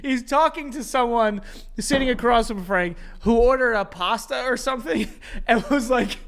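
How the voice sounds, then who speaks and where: A man's voice: extremely high pitch, normal speed, fairly bright tone. A man co-hosting a podcast, telling stories in a casual, teasing way and laughing through them. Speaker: podcast co-host. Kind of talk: casual storytelling chat.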